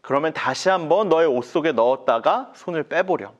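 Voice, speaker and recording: A man voicing God as a gentle, fatherly speaker in a children's Bible story. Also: on the high side, muffled recording. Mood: reassuring. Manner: calm, slow and kindly.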